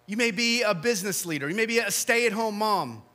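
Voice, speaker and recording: A male pastor preaching an earnest sermon in church, dropping soft and low to stress key lines. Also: animated, fairly quick. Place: church sanctuary.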